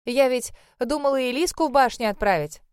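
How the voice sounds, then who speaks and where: A woman voicing a hearty, fussing middle-aged mother-in-law who talks loudly and exclaims a lot. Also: high voice, fairly quick, clean tone, no echo, studio quality, voice pushed up, lightly acted. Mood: boisterous.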